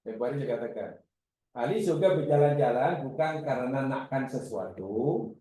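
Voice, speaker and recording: A man giving a religious class lecture, animated and acting out his examples. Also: mid-range voice. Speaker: religious teacher. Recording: echoey room.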